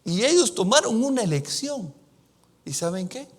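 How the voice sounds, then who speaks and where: A man preaching a sermon in a church, slowing his words for emphasis and swinging between loud and soft delivery. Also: high voice, big pitch swings. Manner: preaching with dramatic shifts in loudness; slows down for emphasis. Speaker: pastor.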